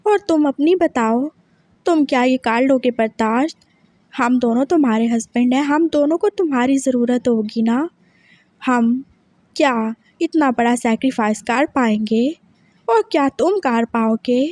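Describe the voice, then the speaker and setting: A woman's voice: high-pitched, a little slow, a little mellow, no room sound. A woman reading a story aloud, voicing a young husband who pushes hard with repeated questions. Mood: taunting. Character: intense possessive young husband, man.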